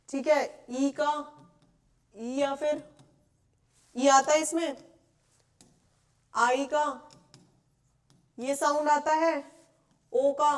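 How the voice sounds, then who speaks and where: A young woman with an Indian accent gives a classroom grammar lesson in a high, clear voice. She explains patiently and keeps asking the class whether it is clear. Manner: explains patiently, asks checking questions often. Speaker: English teacher. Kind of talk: classroom lecture.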